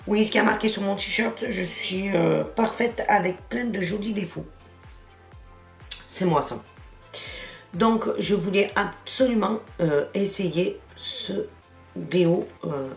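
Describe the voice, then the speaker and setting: Gravelly-voiced woman chatting in an echoey room. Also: on the low side. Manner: chatty and exclamatory, with many "voilà" and "hein" fillers. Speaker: beauty vlogger. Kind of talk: casual makeup haul chat. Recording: echoey room with faint music.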